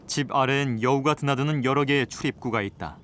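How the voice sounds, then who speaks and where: A man reading scripted nature documentary narration in a measured, formal broadcast style. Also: medium pitch, slight background noise. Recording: loud music bed under voice. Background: prominent background music.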